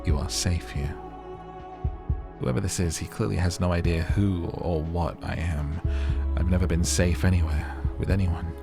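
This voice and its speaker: A man with a very low voice and a creaky edge narrates a dark game story aloud. His reading is measured and theatrical, though the melody stays narrow. Music plays behind him. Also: fairly even intonation. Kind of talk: dramatic narration of a visual novel.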